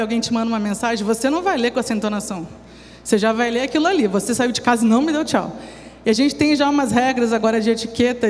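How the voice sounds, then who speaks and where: A woman giving a talk at a church recovery program, explaining in a conversational way with everyday examples. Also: fairly high pitch. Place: church hall. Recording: long hall reverb, faint hum.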